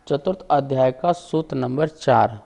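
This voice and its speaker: A man's voice: medium pitch, vocal fry, a little mellow. A man teaching a scripture lesson, pronouncing each term syllable by syllable and explaining it step by step. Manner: explains syllable by syllable, drawn-out words. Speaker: religious teacher. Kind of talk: slow recitation lesson.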